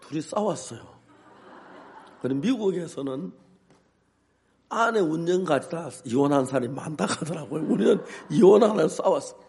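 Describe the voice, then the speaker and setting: An older man, a pastor, preaching with humor and telling animated stories, acting out his own shouts and both sides of a quarrel. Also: on the high side, moderate pace, vocal fry, long pauses. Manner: animated storytelling, acts out shouts. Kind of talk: humorous sermon.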